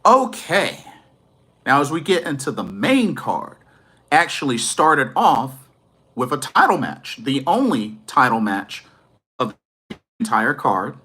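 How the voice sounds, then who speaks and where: A man talking through a wrestling event in a casual, upbeat way, his pitch swinging up and down all the time. His voice is bright and forward, and he often restarts a sentence to fix himself. He sounds like a fan chatting to his viewers. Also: very animated, slow pace, long pauses, breathy edge. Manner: enthusiastic, rambling with self-corrections. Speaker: wrestling reviewer. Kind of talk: casual video review.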